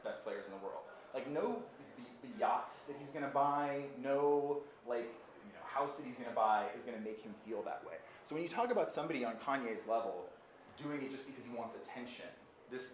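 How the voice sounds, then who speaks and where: A man giving a casual live conference talk, rambling with lots of fillers and animated retellings. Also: medium pitch. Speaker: conference speaker. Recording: very echoey hall with faint noise.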